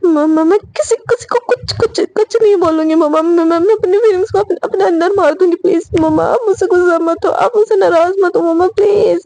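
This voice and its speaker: A woman's voice: very high voice, brisk, hardly any pauses, warm tone. A woman voicing a sobbing, stammering young woman. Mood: begging. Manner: stammering, pleading through tears. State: crying.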